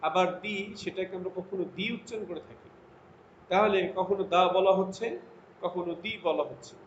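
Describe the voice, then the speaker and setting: A male teacher with a high voice gives a recorded grammar lesson, pausing to read English examples slowly and carefully. The sound is dull and lo-fi, with a roomy echo around him and a faint hiss underneath. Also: fairly even intonation. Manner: slow, deliberate English example sentences between explanations. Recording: lo-fi echoey room with faint noise.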